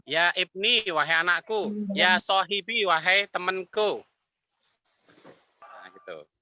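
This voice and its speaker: A man teaching an Arabic class, explaining patiently and repeating phrases slowly. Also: high-pitched, big pitch swings, sharp tone, no room sound. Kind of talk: online class lecture.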